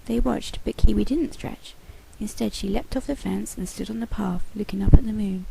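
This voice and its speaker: A woman narrating a children's storybook aloud in a gentle, measured way. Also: medium pitch, creaky, very noisy. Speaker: author reading her own book.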